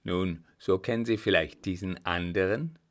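A man playing a gruff old field marshal. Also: low voice, moderate pace, lightly acted. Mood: gruff, bantering. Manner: loud, brusque, bantering.

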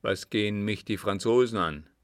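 A man voicing a cold, guarded older desert sheik in an audiobook reading, with a measured, cool delivery. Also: lowish voice, no echo, studio quality, natural voice.

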